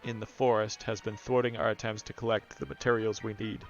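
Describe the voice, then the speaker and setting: A man's voice: fairly low pitch, level tone, fairly quick, highs cut off, lightly acted. A man voicing a polite male botanical researcher, reading the game text aloud in a courteous manner. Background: game music.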